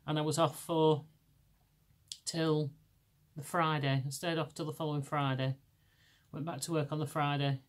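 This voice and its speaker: This podcast host is a middle-aged woman from Lancashire, England, chatting casually. Laryngitis has left her naturally low voice hoarse, and she wanders off and starts over repeatedly. Her delivery is flat and moderately paced.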